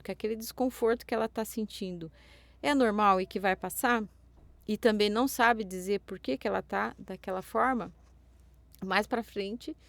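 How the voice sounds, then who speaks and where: A woman with a Brazilian accent talks through ideas in a relaxed podcast chat, her voice carrying a gravelly fry. She often checks in with a quick tag question, and the sound is dry and close with no room around it. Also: a little high, dry recording. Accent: Brazilian Portuguese. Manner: explanatory, frequent tag questions. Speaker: podcast co-host. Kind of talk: casual podcast discussion.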